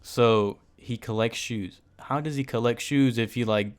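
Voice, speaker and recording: Smooth-voiced young man chatting casually. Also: mid-range voice, unhurried. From United States. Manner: rambling, joking, animated asides. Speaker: podcast host. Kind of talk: casual solo chat.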